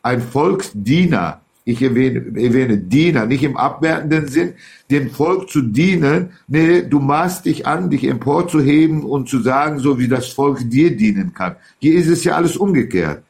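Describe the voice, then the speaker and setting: A man's voice: mid-range voice, expressive, normal speed, gravelly, a little mellow. A man, talking politics in an emphatic, rambling way as a guest. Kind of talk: heated political talk.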